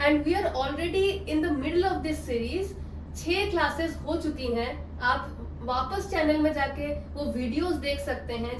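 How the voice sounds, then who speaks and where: A woman teaching a language lesson online, slowly repeating words for learners, mixing Hindi and English. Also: sits high, background noise. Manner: slow, careful teaching with repeated drill words. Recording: echoey room, voice from a distance.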